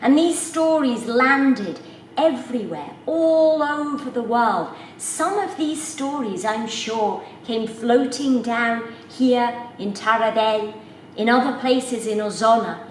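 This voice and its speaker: A woman telling a folk tale to children in an unhurried, expressive way, speaking directly to her listeners. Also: a little high, recorded from a distance, a little hiss or hum. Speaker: storyteller. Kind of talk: storytelling for children. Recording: roomy echo, voice from off the mic, faint background.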